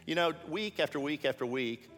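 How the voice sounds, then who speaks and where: A man's voice: a little high, lively intonation, brisk. A man speaking as a pastor, giving friendly church announcements and introducing guests. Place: church sanctuary. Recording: echoey sanctuary with faint music.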